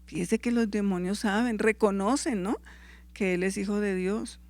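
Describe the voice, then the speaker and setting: The voice is mid-range and slightly mellow, moving at a moderate pace with no echo. During the Bible class the teacher reads passages out loud, corrects verse references they got wrong, and asks brief tag questions to keep listeners engaged.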